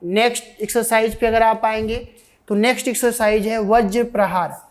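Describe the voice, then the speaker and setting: A woman's voice: on the high side, fairly even intonation, normal speed. A woman with an Indian accent giving an online exam coaching lecture, repeating key points and answering her own questions. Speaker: defence exam coaching teacher.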